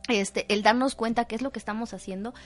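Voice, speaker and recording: A woman co-hosting a psychology talk show, explaining in an animated way and acting out short exchanges. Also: on the high side, fast, faint music behind. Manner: animated, acts out little dialogues while explaining. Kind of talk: conversational talk-show discussion.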